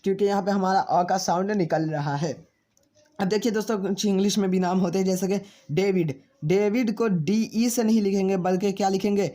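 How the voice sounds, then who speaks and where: The teacher's high voice is dark in tone, and his intonation stays fairly even. He spells names slowly, letter after letter, asks questions and answers them himself, all while treating viewers as friends.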